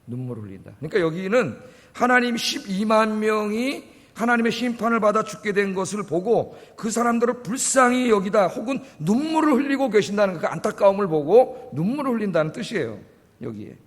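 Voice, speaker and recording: Male pastor, high-pitched, preaches emphatically with dramatic quotes; reverberant sanctuary. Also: lively intonation, brisk. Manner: emphatic preaching, quoting God and Jonah with rising intensity. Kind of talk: sermon. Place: church sanctuary. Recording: long reverb of a church hall.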